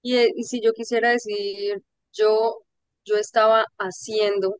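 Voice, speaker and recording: A woman's voice: medium pitch, little pitch movement, unhurried, clean tone, no room sound. A woman student in an English class, unsure, asking how to say something.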